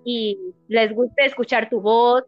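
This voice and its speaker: With a slightly high voice and a somewhat slow pace, a young Mexican woman who sings and dubs chats casually as a podcast guest, animatedly acting out quotes in her Mexican Spanish accent. There's no room sound, though the audio is dull and lo-fi with faint music.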